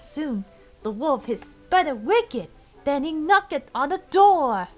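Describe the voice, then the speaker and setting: A woman retelling a fairy tale in a halting, meandering way, often restarting her sentences. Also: sits high, very animated, soft background music. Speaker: storyteller.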